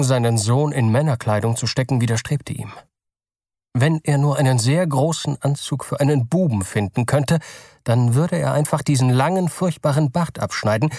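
A male audiobook narrator with a middle-pitched voice, reading at an even, measured pace. The sound is dry and close, with no room around it. It suits a chapter-by-chapter storybook reading. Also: no echo. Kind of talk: scripted narration.

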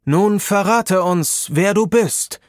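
A man voicing the calm, fatherly leader of a circle of wizards, speaking slowly and solemnly. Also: high voice, no echo, studio quality, voice pushed up. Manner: slow, solemn and paternal.

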